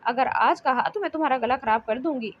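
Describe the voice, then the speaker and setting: A woman's voice: sits high, brisk, dull audio, slight background noise, close to an everyday voice. A woman voicing a playful, stubborn young wife who teases and pouts, in a storybook reading. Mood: pouty.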